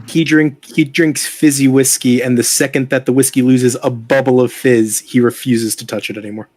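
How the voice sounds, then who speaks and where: A man's voice: mid-range voice, flat delivery, normal speed, a little mellow, no echo. A man playing a tabletop game, chatting casually and joking with the table. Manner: joking, playful. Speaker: player.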